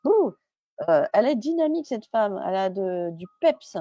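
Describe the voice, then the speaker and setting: A woman's voice: medium pitch, very animated, normal speed, mellow, no room sound. A woman medium on a live stream, chatty and hesitant, with many fillers and restarts, relaying messages as quoted speech.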